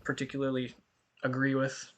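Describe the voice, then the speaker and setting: A man's voice: medium pitch, completely flat delivery, moderate pace. A man chatting in an easygoing way as a podcast co-host, with lots of fillers. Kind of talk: casual chat about a card game.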